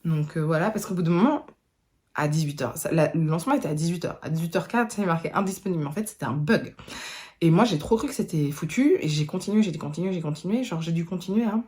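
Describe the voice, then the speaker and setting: A woman beauty vlogger, hoarse from a sore throat, chatting casually to camera at home with lots of hesitations. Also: fairly low pitch, animated, quick pace, darkish tone. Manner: chatty, rambling, many hesitations. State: hoarse from laryngitis. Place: at home indoors.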